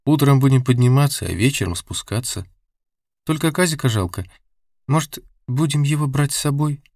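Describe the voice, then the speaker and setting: A man reading the part of a gentle, dreamy young woman in an audiobook, lifting his voice higher and softer. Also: moderate pace, vocal fry, no echo, studio quality. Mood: tender. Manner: soft, raised-pitch delivery.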